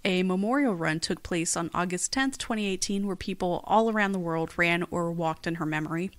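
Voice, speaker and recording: A woman's voice: fairly low pitch, fairly quick. A woman co-hosting a casual podcast, reading out case facts in a plain recap with dry, blunt asides. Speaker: podcast co-host.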